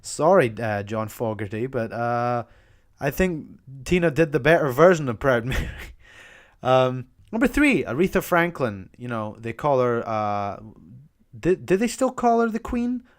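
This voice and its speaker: A man's voice: medium pitch, big pitch swings, measured pace. A young man hosting a casual podcast monologue, talking enthusiastically, swearing freely, with frequent ums and restarts. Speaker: podcast host.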